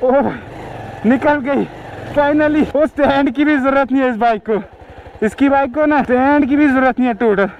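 High-pitched male moto vlogger narrating off-road outdoors, excited, dull action-camera audio. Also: normal speed, slight background noise. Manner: excited, calls out to friends and viewers. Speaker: motorbike vlogger. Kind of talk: casual off-road vlog commentary. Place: outdoors on sandy off-road ground.

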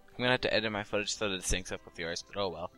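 A man's voice: fairly low pitch, sharp tone, soft background music. A young man joking playfully while casually commenting on a video game he plays. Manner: joking, playful, quick asides. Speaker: let's play co-host.

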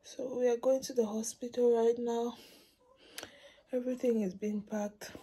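A woman's voice: a little high, fairly even intonation, normal speed, warm tone, husky, poor audio. Chatty woman vlogger talking to viewers. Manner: chatty, addresses viewers directly. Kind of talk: casual vlog update to camera.

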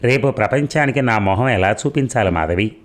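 A man's voice: mid-range voice, animated, moderate pace, natural voice. A man voicing an angry, betrayed young husband in a read-aloud serial novel, speaking in an emotional, accusing way.

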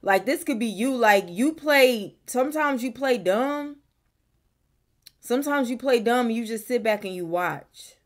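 A woman's voice: fairly high pitch, lively intonation, unhurried. Musing young woman reading tarot. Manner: musing, thinks aloud, repeats phrases. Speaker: tarot reader. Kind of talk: casual tarot reading to camera. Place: bedroom, indoors.

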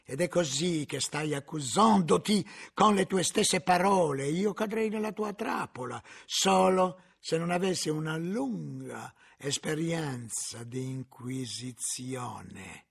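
A man's voice: on the high side, lively intonation, slow pace, gravelly, few pauses, slightly rough, heavily acted. A man reading an audiobook aloud, voicing a stern, menacing male inquisitor who interrogates a frightened monk with harsh accusations. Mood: accusing. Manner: accusing, harsh, shouting at times. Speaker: audiobook reader.

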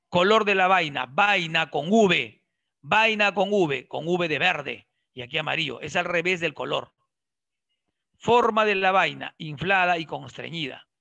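Bright and gravelly, with a slightly high pitch, a man teaches biology, quizzing the class directly and joking along the way in a lively manner. The sound is dry and close-miked, with no room ambience.

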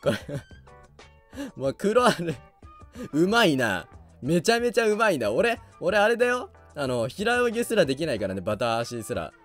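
Man, gaming commentary, excitable, animated pitch, slightly high voice, faint music behind. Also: normal speed. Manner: excitable, reacts loudly and laughs often. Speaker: gaming YouTuber. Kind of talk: let's play commentary.

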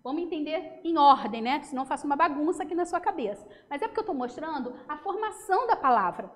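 A Brazilian woman teacher giving a recorded lesson, lively and chatty, checking in with her students often. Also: high-pitched, quick pace, long reverb tail. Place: home.

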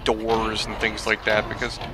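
A man's voice: on the low side, monotone, measured pace, noisy background. A man giving casual gameplay commentary in a musing, wryly jokey way. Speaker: gaming video commentator.

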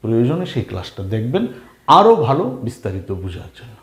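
A man's voice: mid-range voice, very animated, quick pace. A man teaching beginners to read, patiently spelling out letters and syllables, repeating each one and asking questions as he goes. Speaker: Bengali reading teacher. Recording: roomy echo.

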